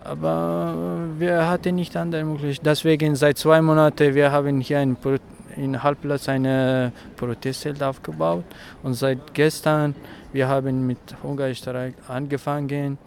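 A man from Afghanistan, a protester speaking in halting, broken German with many pauses. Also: fairly high pitch, little pitch movement, vocal fry, darkish tone. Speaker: asylum-seeking protester. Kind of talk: street interview. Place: outdoors in a city street. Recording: faint traffic noise outdoors.

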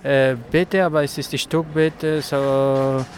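A man from Afghanistan, a protester speaking in halting, broken German with many pauses. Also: on the high side, fairly even intonation. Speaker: asylum-seeking protester. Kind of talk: street interview. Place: outdoors in a city street. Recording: faint traffic noise outdoors.

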